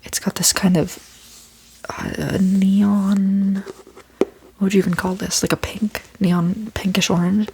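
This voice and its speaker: A woman doing an ASMR role-play as a bookstore clerk, soft-spoken like in a library, casual and a little hesitant in her phrasing. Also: steady tone, takes it slowly, slight background noise, poor audio. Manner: soft-spoken library soft voice, gentle and low-key.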